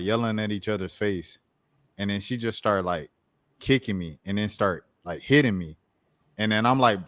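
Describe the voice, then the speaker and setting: Male co-host, relaxed slangy anecdote, lowish voice, dry mic. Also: no room sound. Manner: laid-back slang-filled storytelling. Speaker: podcast co-host. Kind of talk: casual chat.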